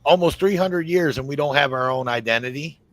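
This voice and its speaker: A man's voice: on the high side, fairly quick, dry recording. A man from Ohio, talking bluntly in a casual group chat, swearing and using lots of fillers. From Toledo, Ohio, USA. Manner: blunt and profane, many fillers.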